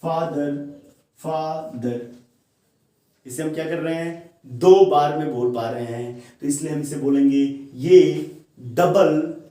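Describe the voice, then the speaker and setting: A man's voice: medium pitch, mellow. A man teaching grammar in Hindi with terms, often asking questions and answering them himself. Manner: questions the viewer often and answers himself, repeats key words. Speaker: English teacher. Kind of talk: classroom-style grammar lesson. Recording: very echoey room, voice far from the mic.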